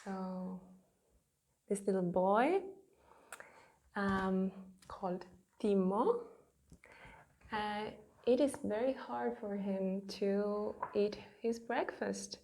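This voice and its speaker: Slow, mellow woman vlogging. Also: mid-range voice, creaky. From Estonia. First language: Estonian. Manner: gentle, thoughtful, pauses often. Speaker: children's book illustrator. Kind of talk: casual studio vlog. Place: her home art studio.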